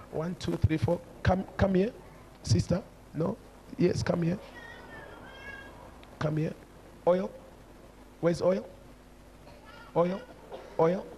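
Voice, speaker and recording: Audio quality is poor here, with a little hiss or hum over a high, darkish male voice. The speaker, a Zimbabwean-accented church overseer in his forties, delivers an emphatic sermon into a handheld microphone in a large hall full of worshippers, repeating short phrases and alternating English with another language.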